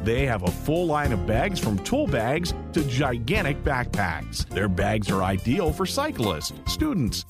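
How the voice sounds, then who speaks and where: A man announces a radio ad at a medium pitch with very varied intonation. His scripted read sits over clear background music. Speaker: commercial announcer. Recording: music bed behind voice.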